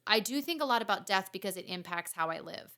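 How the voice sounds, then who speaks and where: A woman's voice: mid-range voice, animated, fast, sharp tone. A woman in her forties hosting a podcast in casual, self-mocking chat, laughing often. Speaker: podcast host.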